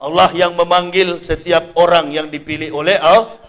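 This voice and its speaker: A man preaching a humorous sermon, joking and animated, mimicking people and shouting exclamations. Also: fairly high pitch, moderate pace. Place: mosque.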